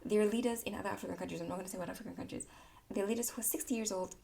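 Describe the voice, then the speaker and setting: A woman's voice: mid-range voice, racing, gravelly, dark tone. A woman from Tanzania, English her second language, giving a candid opinion monologue with repeated words for emphasis. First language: not English. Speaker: political commentary vlogger. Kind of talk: casual opinion monologue to camera.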